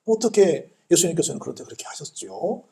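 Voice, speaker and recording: Man playing a humble disciple, quiet hushed asking, highish voice. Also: very animated, fast talker, creaky.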